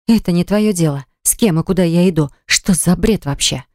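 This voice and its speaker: A woman's voice: a little fast, no echo, clean studio sound, natural voice. A reader voicing a stubborn, indignant young woman who is a mother, speaking sharply and defiantly in an audiobook. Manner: sharp, defiant, shrill when upset. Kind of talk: audiobook acting.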